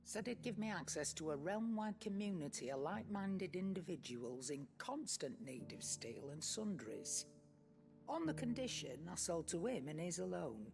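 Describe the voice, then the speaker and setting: Gruff old shopkeeper nan, blunt and shrewd, video game, some music under. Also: female voice, lowish voice, big pitch swings, normal speed. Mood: wry confession. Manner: blunt, folksy, no-nonsense. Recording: music behind the voice.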